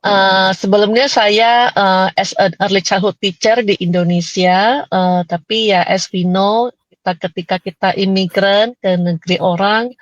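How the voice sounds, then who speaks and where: A woman, a mother, introducing herself in a measured way on an online talk, mixing English words, over a video call. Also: medium pitch, fairly even intonation, no echo. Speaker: guest panelist. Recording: dull, dry lo-fi call audio.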